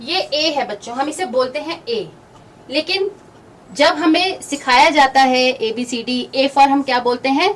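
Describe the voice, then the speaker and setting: A woman teacher giving a phonics lesson to children, explaining each letter sound slowly and patiently. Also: sits high, fairly bright tone. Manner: slow, drawn-out, patient explaining to kids. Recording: distant mic, faint background noise.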